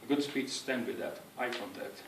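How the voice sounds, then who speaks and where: An earnest man gives a prepared speech on public speaking, phrasing things in a halting, instructive way. His voice sits at a middling pitch and rings in an echoey room. He is picked up from a distance, with faint background noise. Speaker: speech giver. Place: room with an audience.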